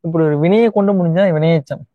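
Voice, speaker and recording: A man's voice: on the high side, no room sound, narrow, tinny audio. A young man with a Tamil Nadu Tamil accent, teaching grammar for a government exam, explaining step by step and often asking "right?" to check in with his students. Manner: repeats key words slowly to stress them. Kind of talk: online exam-prep lesson.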